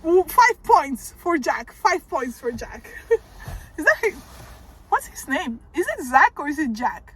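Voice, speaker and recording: A young woman recapping a reality show in a casual vlog, animated, laughing often and shrieking in disbelief. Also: high voice, measured pace, background noise. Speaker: reaction vlogger.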